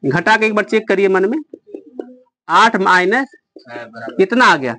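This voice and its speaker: A man's voice: high voice, sing-song, slow, crowd noise. A man teaching a math lesson to a class, explaining step by step and quizzing his students.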